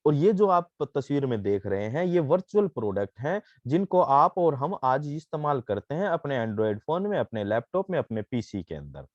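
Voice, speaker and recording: A man giving a persuasive sales pitch, mixing Hindi with English phrases and calling listeners his friends. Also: very animated, moderate pace, few pauses, no room sound, lo-fi sound. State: coughing, throat irritated. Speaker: network marketing presenter.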